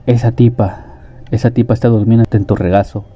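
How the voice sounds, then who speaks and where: A man reading the lines of a fretful, emotional young man who talks in a quick, agitated way. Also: medium pitch, steady tone, natural voice. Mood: earnest. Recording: dull lo-fi audio.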